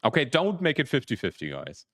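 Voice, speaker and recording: A man's voice: mid-range voice, wildly swooping pitch, fairly quick, a bit bright, no room sound, studio quality. Rambling young man streaming. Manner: rambling, restarts, explaining rules to chat. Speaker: streamer, PhD student. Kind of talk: casual livestream chat.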